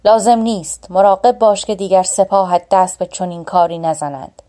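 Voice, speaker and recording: A woman's voice: lowish voice, fairly even intonation, mellow, close to an everyday voice. A woman reading the lines of a proud young warrior prince in a storybook tale, in a taunting, commanding tone. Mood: stern.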